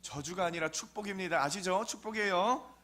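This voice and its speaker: A frantic middle-aged mother blurts out curses and desperate pleas, as a male preacher puts her on in a sermon. Her voice is high and bright, and every line comes out as an exclamation. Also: brisk, slight background noise. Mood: pleading. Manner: exclamatory, pleading.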